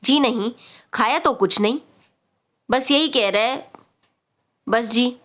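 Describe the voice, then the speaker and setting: A woman's voice: fairly high pitch, slow pace, a bit bright, voice pushed up. A woman reading aloud the lines of a worried father of a sick boy, anxious and plain. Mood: polite.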